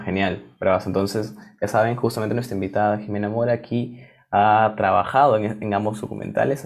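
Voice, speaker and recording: A man's voice: fairly low pitch, creaky, a little mellow. A man co-hosting a casual talk show, chatty and enthusiastic. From Peru. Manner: chatty, enthusiastic, with frequent fillers and restarts. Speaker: co-host.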